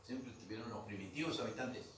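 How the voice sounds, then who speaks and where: A man's voice: medium pitch, quick pace, fairly bright tone. Man teaching in an echoey classroom. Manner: patient, repeats terms, checks understanding with "eh?". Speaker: language teacher. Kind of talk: classroom grammar lesson. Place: museum classroom. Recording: echoey room, mic far off, faint noise.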